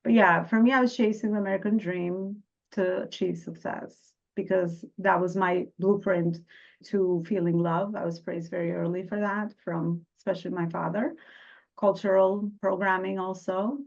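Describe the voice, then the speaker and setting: A middle-aged woman from Albania, a podcast guest telling her life story in an earnest, slightly halting way. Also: medium pitch, fairly even intonation, gravelly. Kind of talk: reflective personal storytelling. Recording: dull lo-fi sound.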